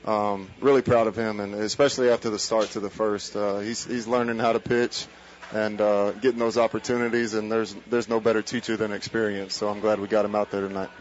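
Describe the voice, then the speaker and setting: An American man, a baseball coach, answering post-game interview questions in halting, informal talk. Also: fairly low pitch, level tone. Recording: dull lo-fi audio, faint background noise.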